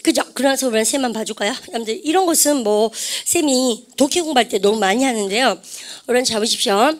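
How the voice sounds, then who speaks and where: A woman's voice: fairly high pitch, quick pace. A woman English teacher lecturing exam students on vocabulary, often asking the class questions and having them repeat the pronunciation. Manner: calls herself ssaem, keeps asking the class questions and drilling pronunciation.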